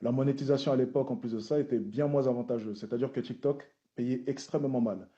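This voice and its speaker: A man with a very dark, mellow voice gives formal, measured answers to questions. He repeats key phrases as he speaks. The recording sounds dull and lo-fi. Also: medium pitch, steady tone. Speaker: social media content creator testifying at a hearing.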